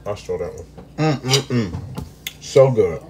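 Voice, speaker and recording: A man's voice: on the low side, animated, unhurried, background noise. A man streaming live as he cooks and eats, chatting playfully with viewers and humming over his food. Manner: playful, talks to chat, hums while eating. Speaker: home cook streaming live. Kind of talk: casual live-stream chat. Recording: kitchen clatter of dishes and cutlery. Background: clinking dishes, pots and pans.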